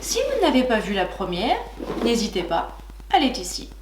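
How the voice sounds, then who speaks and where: A young woman chatting warmly to her viewers while unboxing makeup, gushing and filling pauses with little hesitations. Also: mid-range voice, huge pitch swings, roomy sound, noisy background. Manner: chatty and gushing, many fillers, talks to viewers as "licornes". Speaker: beauty vlogger. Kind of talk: casual makeup haul chat.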